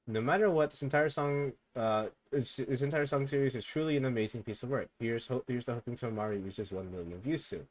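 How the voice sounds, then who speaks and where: A young streamer moves fairly quickly with few pauses as he mumbles his way through fan theories, now and then bursting out loudly in excitement.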